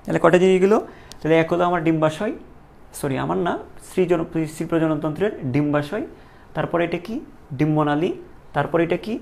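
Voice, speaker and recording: A man's voice: on the high side, fast talker, creaky, pauses often, a little mellow. A male teacher giving a classroom lecture, asking questions and repeating each answer to drill the terms.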